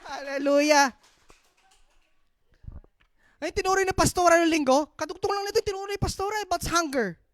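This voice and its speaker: A Filipino woman preaching a sermon, mixing in English, calling out "Amen" and swinging from loud exclaiming to hushed storytelling. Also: very high-pitched, normal speed, pauses often, no echo, studio quality. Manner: mixes English into her preaching, calls out "Amen".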